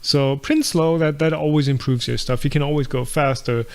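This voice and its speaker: A man's voice: a little high, steady tone, moderate pace, clear, resonant tone. A young man hosting a live viewer Q&A, thinking aloud with lots of fillers and restarts. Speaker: channel host answering viewer questions. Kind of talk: casual live Q&A about 3D printing.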